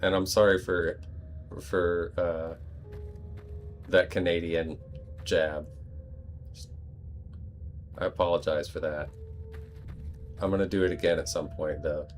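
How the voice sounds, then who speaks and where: A man's voice: sits low, flat delivery, takes it slowly, long pauses, soft background music. An American man giving casual, rambling gameplay commentary with joking asides. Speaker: let's play host.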